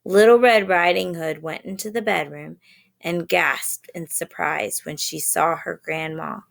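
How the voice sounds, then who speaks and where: A woman reading a children's story aloud in a gentle way, pausing to explain words for young listeners. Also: on the low side, steady tone, vocal fry.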